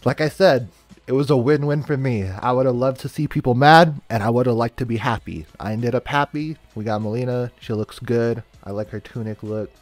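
A man reacting to a video game trailer in casual commentary, swinging between low mumbles and loud excited outbursts. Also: brisk, no echo, soft background music. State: cold and shivering, early morning. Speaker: reaction streamer.

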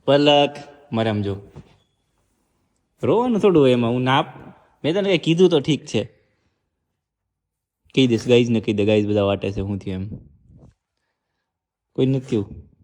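A man's voice: medium pitch, normal speed, long pauses, darkish tone. A young man, chatting casually to his viewers in a family vlog. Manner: chatty, addresses viewers directly. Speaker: family vlogger.

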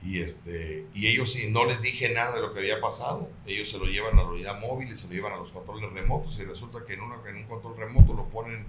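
A middle-aged man with a Mexican accent, a guest telling a personal story in a lively way, acting out the voices in it. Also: fairly low pitch, fast talker, hardly any pauses. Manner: animated storyteller, acts out quoted voices. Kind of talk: casual interview storytelling. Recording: roomy echo, faint background noise.

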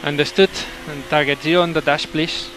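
Calm race engineer over team radio. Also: male voice, on the high side, brisk, noisy background. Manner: calm, terse, informational.

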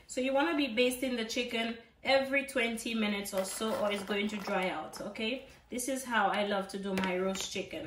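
A chatty woman with a fairly high voice walks viewers through a recipe in her home kitchen. She keeps checking in as she goes, and her voice is picked up from a distance in an echoey room. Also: background noise. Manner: chatty, ends phrases with "okay?". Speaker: cooking channel host. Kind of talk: casual cooking tutorial. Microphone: off-camera camera mic, overhead framing.

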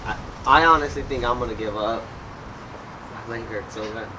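A man's voice: medium pitch, moderate pace. A young American man bantering casually, complaining and nervous, in an informal vlog. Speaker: partner in a vlog challenge. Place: residential backyard, outdoors. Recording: distant, very noisy windy outdoor audio.

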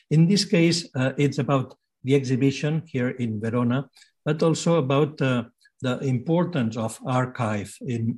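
Over a laptop webcam on a video call, a guest lecturer in his sixties speaks from his home study with a Catalan accent. His voice is mid-range and a little mellow, and the lecture is hesitant, riddled with fillers and restarts.

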